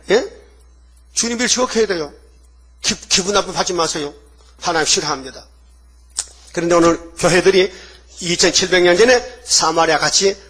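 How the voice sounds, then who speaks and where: Husky older man preaching a sermon. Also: a little high, a bit bright. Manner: colloquial, scolding, asks the congregation questions. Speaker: pastor.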